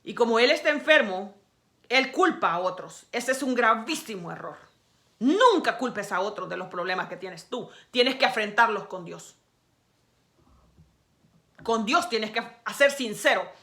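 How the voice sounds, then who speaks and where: A woman preaching with a bright, rather high voice. She addresses the listener directly and emphatically. Her delivery swings between hushed, low stretches and loud, insistent peaks. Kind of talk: sermon.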